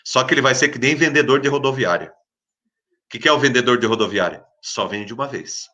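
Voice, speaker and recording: A male preacher with a Brazilian Portuguese accent delivers a devotional sermon in a bright, ringing voice. He hammers his points home by repeating them, rising to loud emphasis and then dropping to hushed words. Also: mid-range voice, lively intonation, a little fast.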